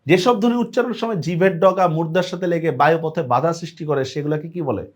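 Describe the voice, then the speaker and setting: A young man teaching an online exam-prep lesson, repeating answers and firing quick check questions at students. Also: fairly high pitch. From Bangladesh.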